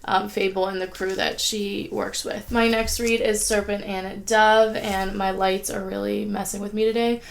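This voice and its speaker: A young adult woman who vlogs about writing chats casually at home indoors, rambling and using "like" a lot. She is a little sick, sniffly with a sore throat. Her voice is medium in pitch with little movement, at normal speed with vocal fry and few pauses.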